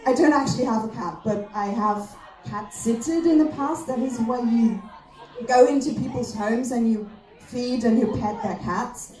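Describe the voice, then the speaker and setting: A woman's voice: fairly high pitch, a little slow, warm tone. A woman performing a self-deprecating stand-up comedy routine, recorded from off in a roomy live venue. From Austria. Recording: roomy, distant stage microphone recording.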